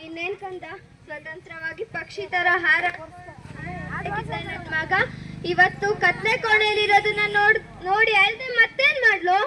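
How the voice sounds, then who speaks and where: A woman's voice: extremely high pitch, fairly even intonation, normal speed, noisy background. A woman playing a grieving mother in a school stage play, tearfully pleading with her son in prison. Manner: sobbing, pleading.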